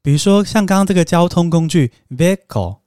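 A man hosts a podcast lesson on English pronunciation, explaining patiently and slowing down for emphatic asides. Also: sits high, expressive, darkish tone, clear, resonant tone, dry recording, clean studio sound. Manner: patient and coaxing, drops to slow emphatic asides.

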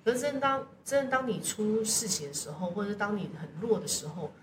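A woman with a Taiwanese Mandarin accent chats casually on a podcast, telling things in an animated, colloquial way. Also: medium pitch, fast. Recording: roomy echo, distant mic, noisy background.

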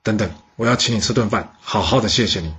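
A man's voice: on the low side, fast talker, gravelly, lo-fi sound, slight background noise. A man voicing a scheming, cruel male ruler in a historical story, sly and fawning. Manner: sly, fawning, shouting in rage.

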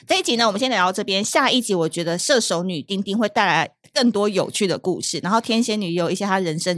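A woman with a Taiwanese Mandarin accent hosting a podcast, chatting casually and reacting loudly with exclamations. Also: fairly low pitch, dry recording, studio quality. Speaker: podcast host. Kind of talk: casual chat.

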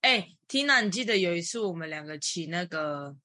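A woman, co-hosting a podcast and telling stories in a lively, animated way. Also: brisk, no echo, clean studio sound. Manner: animated storytelling, jumps in pitch when retelling panic. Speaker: podcast co-host. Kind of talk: casual chat.

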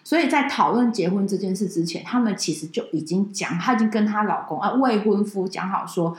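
Woman podcast co-host, quick, animated and indignant, roomy echo. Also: medium pitch. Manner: animated, indignant storyteller who swears. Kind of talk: casual chat, personal storytelling.

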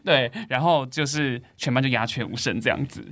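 Man, teacher, animated storytelling, dry recording. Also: medium pitch, normal speed, no room sound. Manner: animated storyteller, laughs often. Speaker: elementary school teacher, co-host. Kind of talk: casual podcast chat.

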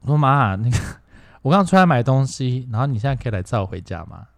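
A man's voice: mid-range voice, quick pace, gravelly, dry recording, studio quality. A man with a Taiwanese Mandarin accent, co-hosting a podcast and telling a story in casual chat, acting out the voices in it. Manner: animated, acts out quoted dialogue, bursts of loud laughter. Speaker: podcast co-host.

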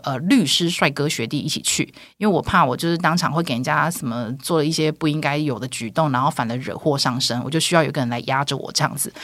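A woman, a podcast host telling a personal story in a lively, heated way and acting out the voices. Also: sits low, dry recording. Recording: dry studio mic.

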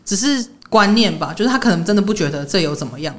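Young woman rattling off a story quick, laughs a lot, mid-pitched podcast chat. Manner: animated storyteller, laughs often. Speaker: podcast co-host. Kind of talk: casual chat.

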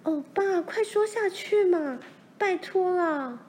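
A woman voicing an eager young pioneer girl, speaking high and pleading. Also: a little slow, warm tone, a little hiss or hum, natural voice.

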